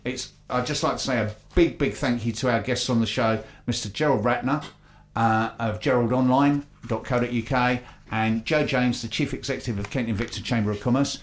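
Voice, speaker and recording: A man's voice: medium pitch, brisk. English man presenting local radio. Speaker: radio show host. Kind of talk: live local radio presenting, reading announcements.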